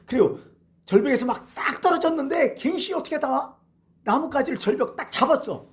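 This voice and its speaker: Animated man preaching a sermon. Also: very high-pitched, fairly quick. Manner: animated storytelling with rhetorical questions. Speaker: pastor.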